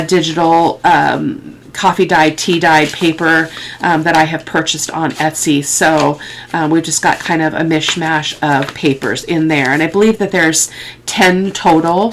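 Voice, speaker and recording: With a little hiss or hum in the recording, a lower-pitched woman crafts on camera at a table indoors, sniffly because of a head cold. As a tutorial host she rambles casually about her process, unhurried and halting, thinking out loud while working.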